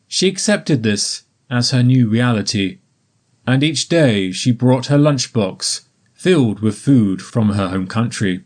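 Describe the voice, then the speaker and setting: A man narrating a graded story for English learners in a slow, careful, evenly paced reading. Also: medium pitch, lively intonation, a little mellow.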